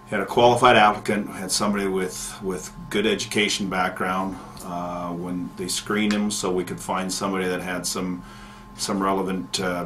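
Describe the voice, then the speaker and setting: A middle-aged man, a county economic development manager answering interview questions in a measured way, with many fillers and restarts. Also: deep voice, a bit bright, a little hiss or hum.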